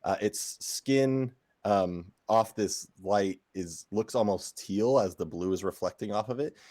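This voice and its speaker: A man's voice: fairly low pitch, measured pace, a little mellow. A man running a tabletop game as game master, narrating scenes casually with hesitant fillers.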